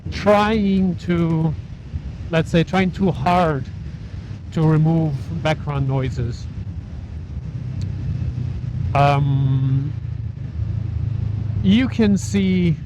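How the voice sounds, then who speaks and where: A man vlogging casually and haltingly from inside a motorcycle helmet as he rides, with wind and engine noise. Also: fairly high pitch, lo-fi sound. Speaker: motovlogger. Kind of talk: casual vlog talk while riding. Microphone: small wireless mic inside helmet.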